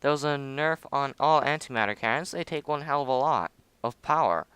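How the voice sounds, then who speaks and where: A young man narrates his space game session in a loose, rambling way, humming tunes and poking fun at himself. His voice is clear and smooth at an ordinary middle pitch. The recording is dry, with no room echo. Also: animated, brisk, a bit bright. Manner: rambling, self-mocking, hums and mutters to himself. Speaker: gameplay video host. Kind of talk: casual game commentary.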